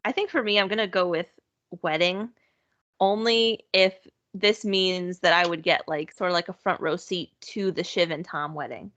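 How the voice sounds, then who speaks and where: A woman's voice: fairly low pitch, steady tone, moderate pace, a bit bright, dry recording. Giggly woman podcaster, dull dry sound. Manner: chatty, laughs easily, many "sort of" and "like" fillers. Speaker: podcast co-host. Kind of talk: casual chat.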